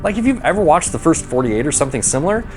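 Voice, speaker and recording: A man narrates a comedic movie recap in a sarcastic, irreverent way. His pitch moves around a lot, he swears freely, and music plays behind him. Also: very animated, racing, a little mellow. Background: background music.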